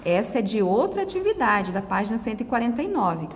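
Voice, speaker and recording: A woman's voice: a little high, very animated, long reverb tail. A middle-aged woman from Brazil, teaching a step-by-step lesson and patiently drawing out words one by one. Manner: patient, drawn-out word-by-word explanations. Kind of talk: step-by-step classroom lesson walkthrough.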